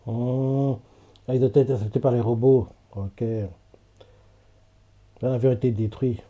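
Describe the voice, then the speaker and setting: A man's voice: medium pitch, steady tone, moderate pace, dark tone. A man streaming a live anime reaction, chatting casually with lots of fillers and frequent laughter. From French-speaking.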